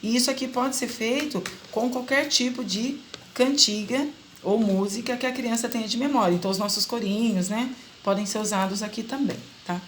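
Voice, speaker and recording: A woman teacher with a Brazilian Portuguese accent, patiently explaining literacy activities and slowly singing lines of a children's song as examples. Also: mid-range voice, slight background noise.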